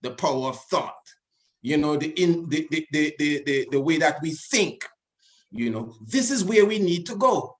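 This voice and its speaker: A man speaking on a video-call webinar, leading the audience through an exercise in an animated, commanding way and repeating himself for emphasis. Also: fairly high pitch, moderate pace. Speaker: webinar panelist.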